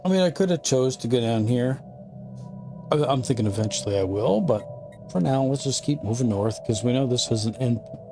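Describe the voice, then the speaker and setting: A gaming channel host in his fifties narrates a strategy game casually, his mid-pitched voice relaxed, sleepy, and broken by yawns. He chats freely and jokes at his own expense, then slows to read game text carefully aloud, while game music sounds clearly beneath him.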